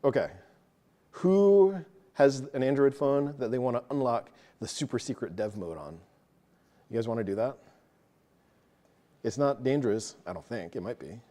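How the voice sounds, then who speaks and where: A man presenting a technical talk to a live audience, quick and casual, joking about himself. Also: medium pitch, expressive, warm tone. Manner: fast, casual, self-deprecating. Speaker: meetup presenter. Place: meeting room with an audience.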